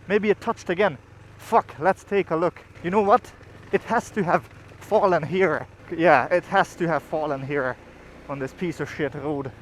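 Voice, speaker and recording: A man's voice: on the high side, slight background noise. A man vlogging casually from inside a motorcycle helmet, swearing often as he talks to viewers. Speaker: motovlogger. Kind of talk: casual motovlog talk to viewers. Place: outdoors on a motorbike and at the roadside.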